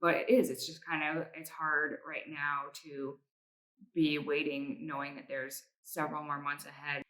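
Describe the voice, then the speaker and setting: A woman's voice: low voice, level tone, a little slow, fairly bright tone, rough recording. A woman vlogger giving a casual personal update in a reflective, somewhat hesitant way.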